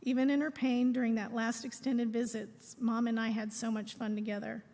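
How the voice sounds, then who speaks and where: A middle-aged woman reads a prepared eulogy aloud in a measured, phrase-by-phrase way, speaking in a large room. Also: on the high side, little pitch movement, mellow. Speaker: daughter giving a eulogy. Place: large room at a memorial service. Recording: echoey hall with long reverb.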